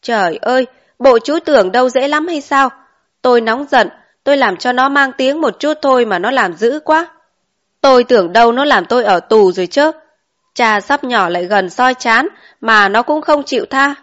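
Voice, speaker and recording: A woman doing a talkative country mother of five, chatty and quick to exclaim, in a slightly high voice. Heard in a storybook reading on a dull lo-fi recording. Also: lively intonation, fairly bright tone. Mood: indignant.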